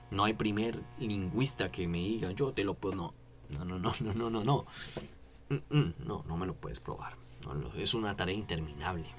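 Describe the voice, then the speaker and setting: A man's voice: on the low side, slight background noise. A man giving a casual, rambling philosophy lesson to camera, asking many tag questions and repeating "no" for emphasis. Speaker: philosophy YouTuber. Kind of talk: casual explanatory lecture to camera.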